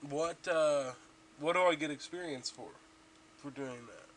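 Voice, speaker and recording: A man's voice: a little high, unhurried, a little hiss or hum. A young man rambling casually about his gaming progress as a podcast host, stuffy from allergies, with lots of ums and restarts.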